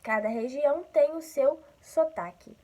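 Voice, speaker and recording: A woman from Rio de Janeiro with a Carioca accent, teaching a school lesson slowly and patiently, often checking in with her listeners. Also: high voice, dark tone, muffled recording. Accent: Carioca Brazilian Portuguese. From Rio de Janeiro, Brazil.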